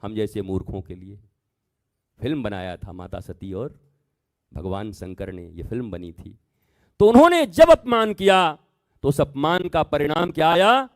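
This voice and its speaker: A man giving a devotional sermon as a spiritual teacher, swinging from soft asides to loud exhortations and acting out story dialogue. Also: on the low side, animated, moderate pace. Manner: acts out dialogue between figures in the story.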